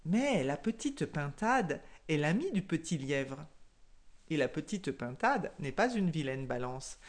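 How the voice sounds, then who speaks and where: A woman telling a folktale aloud with slow, measured phrasing and dramatic pauses. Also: deep voice, very animated. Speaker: storyteller. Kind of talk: oral folktale narration.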